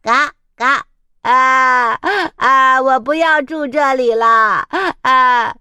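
A high, bright little storybook duck, quacking in a slow sing-song that turns whiny, as a woman puts him on. He sounds fussy and eager, with a crisp, clear tone. The recording is close and dry. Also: lively intonation, dry recording, full character voice. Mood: wailing.

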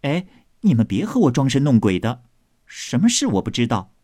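A man reading aloud voices a proud, sharp-tongued young maidservant who speaks with sarcasm and indignation, in a storybook reading. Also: medium pitch, sing-song, normal speed, no room sound. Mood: sharp retort.

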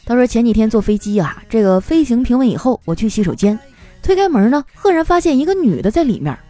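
A woman hosting a comic storytelling podcast, reading out listeners' jokes and breaking into laughter along the way. Her voice is mellow and a little high, and it swoops up and down constantly. Faint music plays behind her. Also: fast. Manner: laughs often while reading, lively. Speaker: host reading joke submissions.

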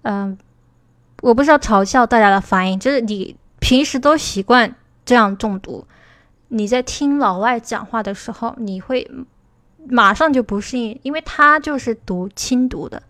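A woman teaching English pronunciation in a livestream. She explains step by step, checks in with her listeners and slows down to model English words. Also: a little high, fairly bright tone, dry recording. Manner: explanatory, asks "对吧" to check understanding. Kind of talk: livestream lesson.

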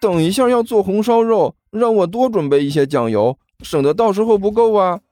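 A man's voice: high voice, expressive, normal speed, dark tone, dry recording, faint music behind, pitched above the performer's own voice. A man voicing an eager, distracted young male apprentice in a raised, pleading voice.

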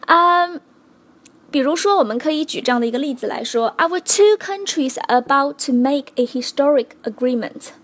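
A young woman gives a recorded English lesson, explaining word differences in Mandarin with English examples mixed in. Her voice sits fairly high, and she checks patiently that her students follow along. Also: lively intonation, normal speed. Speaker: English speaking teacher.

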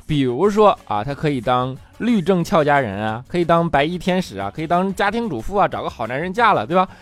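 A man's voice: a little high, big pitch swings, brisk. A man doing a stand-up comedy monologue, telling chatty stories and often checking in with the audience. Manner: chatty storytelling, keeps asking the audience "right?". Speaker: comedian host.

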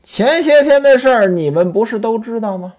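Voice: medium pitch, expressive, normal speed, a little mellow, voice pushed up, natural voice. A storyteller voicing a spiteful young concubine who complains bitterly in a storybook tale. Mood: resentful. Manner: bitter, gossiping.

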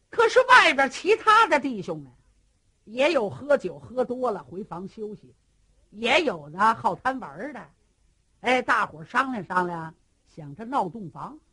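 A woman performing a traditional Chinese storytelling piece, lively and dramatic, acting out every character. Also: a little high, slightly rough.

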